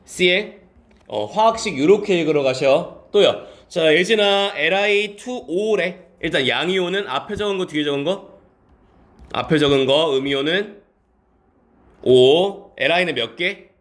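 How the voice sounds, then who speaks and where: A male science teacher giving a classroom lecture, calling on students by name and answering his own quick questions in polite speech mixed with casual talk. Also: a little high.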